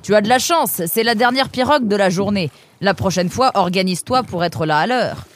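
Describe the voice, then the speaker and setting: A fox boatman from a children's storybook, as a woman puts him on, a grown male, brisk and teasing. He talks loudly, as if calling over rushing water, and explains things with a knowing air. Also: mid-range voice, pitched above the performer's own voice, natural voice.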